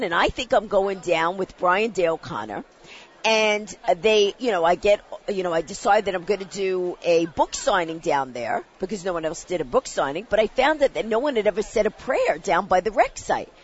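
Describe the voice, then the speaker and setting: A woman with a New York accent, a guest telling a comic story in a lively, theatrical way. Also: mid-range voice, normal speed, husky, muffled recording. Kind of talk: animated anecdote telling.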